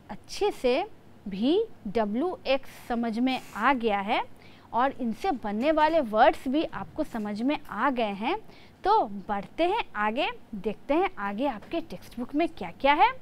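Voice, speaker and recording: A woman's voice: on the high side, big pitch swings, measured pace. A woman teacher giving a lesson to young children, spelling words out letter by letter.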